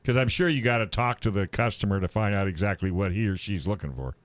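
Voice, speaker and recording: A man's voice: lowish voice, fast. A man interviewing a guest in a casual, easygoing way, cracking jokes. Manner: joking, easygoing.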